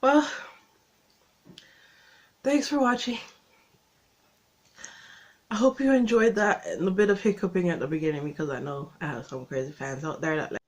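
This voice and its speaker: A woman vlogging casually while eating spicy wings, her lips and tongue burning as she talks into her phone. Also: on the low side. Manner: slow, breathy talk between bites, laughing at herself. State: mouth burning from spicy food. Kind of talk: casual vlog chat. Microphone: phone camera.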